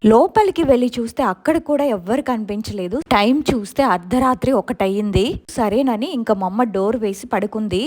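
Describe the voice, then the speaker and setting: A woman's voice: on the high side, fairly quick, few pauses, darkish tone. A woman steadily telling a true ghost story in the first person.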